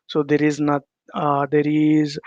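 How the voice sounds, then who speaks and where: An Indian-accented man presents on a video call in a halting way, his delivery very even. The audio is dry and slightly dull, as if through a headset. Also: on the high side, dry recording. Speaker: guest presenter, solution architect. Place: indoor room, on a video call.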